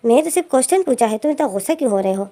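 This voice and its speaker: A woman's voice: sits high, lively intonation, rapid-fire, mellow. A woman voicing a cheerful, nosy young female student who asks chirpy, teasing questions.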